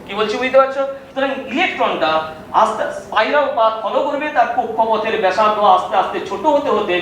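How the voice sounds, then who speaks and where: A man teaching a televised physics lesson with a Bengali accent, explaining slowly and repeating points with questions to the students. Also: very high voice, fairly bright tone. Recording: very echoey room, distant mic, faint noise.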